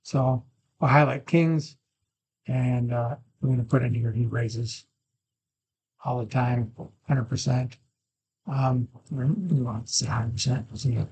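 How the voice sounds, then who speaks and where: Male tutorial presenter, mid-pitched, informal and unscripted, thinking aloud; slightly muffled makeshift microphone. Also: steady tone, slow pace, pauses often, darkish tone, slight background noise. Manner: informal, thinking aloud, occasional throat clearing. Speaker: poker strategy video presenter. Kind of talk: casual screen-share tutorial, talking off the cuff. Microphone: makeshift mic, not a dedicated one. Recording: muffled, without a proper microphone.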